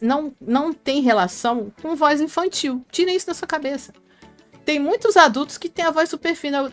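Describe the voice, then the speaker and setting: A Brazilian woman hosting a casual live stream, reading viewer comments aloud and chatting to fans by name, laughing often. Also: high voice. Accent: Brazilian Portuguese. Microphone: headphone mic.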